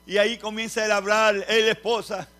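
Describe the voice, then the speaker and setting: A man with a Puerto Rican accent preaching a sermon as a pastor, telling a testimony with fervent, repeated phrases that swell into shouts. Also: sits high, little pitch movement, fairly quick. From Puerto Rico.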